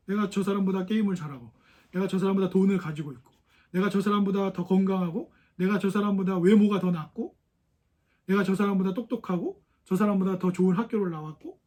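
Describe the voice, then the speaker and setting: A man's voice: high-pitched, a little mellow. A male pastor preaching a Sunday sermon, talking to the congregation in a conversational way and firing off rhetorical questions. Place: church sanctuary.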